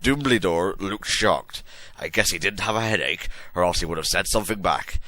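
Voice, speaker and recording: A man's voice: deep voice, moderate pace, pushed and bright, no echo. A man giving a comic dramatic reading of a story in a hammy, theatrical stage-actor manner with exaggerated emphasis. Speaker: reader of a fan fiction story.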